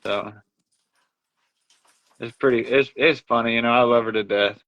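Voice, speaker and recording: With a steady, mid-range voice that's a touch bright, this livestream host talks at a moderate pace, spinning chatty everyday stories and performing other people's remarks. The sound quality is dull and lo-fi.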